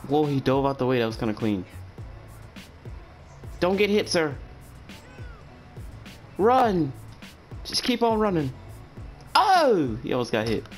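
A woman hosting a gaming video, giving excitable commentary over gameplay in voice chat and breaking into laughter and shouts. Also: sits low, a little slow, long pauses, soft background music.

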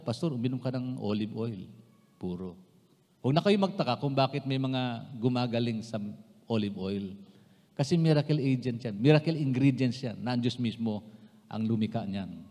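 Filipino pastor preaching in a reverberant hall. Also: male voice, mid-range voice, a little mellow. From Philippines. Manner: switches between Tagalog and English, repeats key phrases for emphasis; polite address to the congregation. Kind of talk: sermon. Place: church sanctuary. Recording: long reverb of a church hall.

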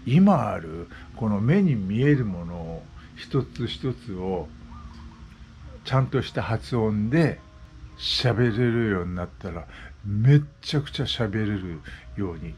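A man in his sixties speaks in a relaxed, chatty vlog monologue. His voice sits a bit low, and he explains things by repeating simple examples. A faint background ambience runs under the recording. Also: slow, a little hiss or hum. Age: 60s. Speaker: vlogger. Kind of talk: casual monologue. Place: West Oahu, Hawaii.

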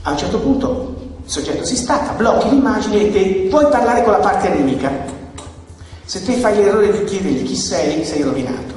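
A man gives a blunt, colloquial conference talk, his pitch swinging lively as he acts out exchanges. He sounds far from the microphone in a very echoey hall, with a long reverb tail and faint noise behind. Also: moderate pace. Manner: animated, blunt, acts out dialogues. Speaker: conference speaker.

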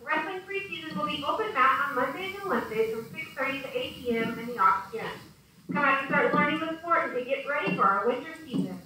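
A high, bright woman's voice reads the school announcements in a steady, scripted way over a PA system. It comes through a distant loudspeaker, echoing around a classroom. The sound is roomy and far off. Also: fast talker, a little hiss or hum. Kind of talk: reading morning school announcements.

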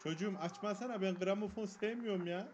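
A man's voice: high-pitched, quick pace, music in the background. Jumpy man commenting a horror game. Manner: jumpy, swears and mutters prayers when scared. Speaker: gaming streamer. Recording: dull lo-fi mic with faint noise.

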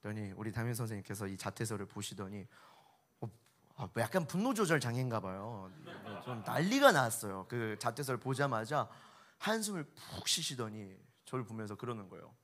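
A man, an evangelist, telling an emotional testimony on a concert stage, with vivid storytelling that swings between hushed and loud. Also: lowish voice, sing-song, fairly quick.

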